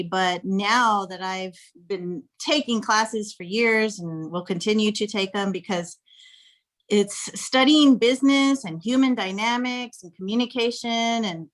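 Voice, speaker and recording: A woman in her thirties from Texas, a guest on a podcast interview, chatting in an animated, playful way and laughing often. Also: medium pitch. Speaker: podcast guest, flirt coach. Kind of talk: casual interview chat.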